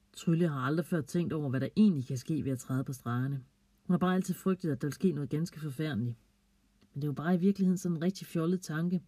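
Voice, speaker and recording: Man narrating a kids audio story, calm and clear, slightly high voice, dry close sound. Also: dry recording.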